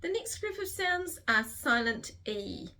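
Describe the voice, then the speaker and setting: Sitting high and sing-song, this woman's voice moves at a measured pace with a bright, forceful tone. She is a New Zealand-accented literacy teacher giving a slow, structured phonics tutorial, carefully sounding out every letter sound.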